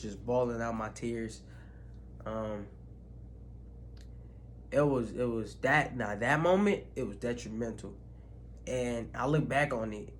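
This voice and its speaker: A young man in casual vlog storytelling, sharing an emotional personal story in slangy speech with restarts and pauses. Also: medium pitch. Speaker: vlogger. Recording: faint background noise.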